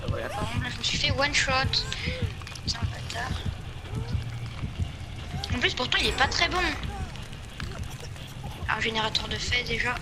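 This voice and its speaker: A woman's voice: a little high, measured pace, pauses often, over music. A woman chatting casually while playing a horror game with a partner, with sweary, exclamatory reactions. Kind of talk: casual gameplay chat.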